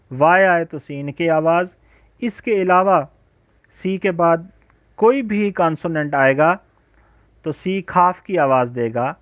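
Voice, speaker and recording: A man lectures at a very slow, careful pace, stretching each example phrase. His voice sits a little high for a man. The lo-fi recording is dry and close, with no room echo. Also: clean tone. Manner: slow, deliberate, drawn-out example sentences. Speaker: English teacher. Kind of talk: recorded spoken-English lecture. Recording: dull, lo-fi home recording.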